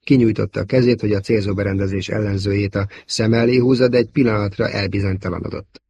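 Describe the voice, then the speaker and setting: A man reading a novel aloud as an audiobook narrator, measured and steady. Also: on the low side, gravelly, breathy edge. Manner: measured storytelling. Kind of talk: scripted narration.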